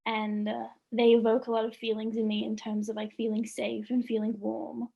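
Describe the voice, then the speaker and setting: A woman's voice: a little high, completely flat delivery, moderate pace, vocal fry, lo-fi sound. A young woman from Australia, a student artist answering interview questions in a chatty way, full of "like" and small laughs. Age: young adult. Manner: chatty, many "like"s, laughs often. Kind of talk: casual interview chat.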